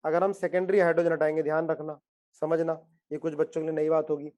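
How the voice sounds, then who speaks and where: A man's voice: a little high, flat delivery, quick pace, a little mellow, lo-fi sound. A man teaching a chemistry lesson, asking his students questions again and again and coaxing them to answer. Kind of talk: classroom lecture.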